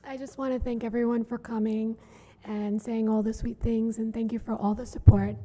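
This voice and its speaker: A woman's voice: a little high, little pitch movement, normal speed, mellow. A woman speaking as an applicant business owner at a hearing, polite, thankful and matter-of-fact. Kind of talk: public hearing remarks. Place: village hall meeting room. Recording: reverberant hall.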